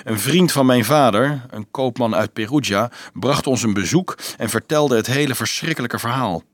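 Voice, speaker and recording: A man's voice: mid-range voice, moderate pace, no room sound, clean studio sound, lightly acted. A man doing a wry, easygoing young student. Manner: light, teasing, evasive.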